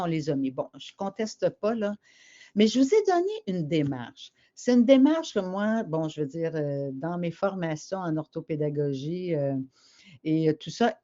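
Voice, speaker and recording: A woman with a Quebec French accent explains a method to parents in a casual, example-filled way. Her voice sits low and mellow. The recording sounds dull and lo-fi. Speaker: remedial teacher. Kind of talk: parent information session.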